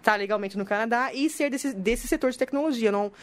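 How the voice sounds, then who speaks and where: A Brazilian Portuguese-speaking woman in her thirties, chatting as a guest on a podcast. Her voice sits a bit high, and she tells stories with energy, putting on the voices of the people she quotes. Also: a little fast. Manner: lively storyteller who acts out quoted lines. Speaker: podcast guest, tech recruiter. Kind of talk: casual chat.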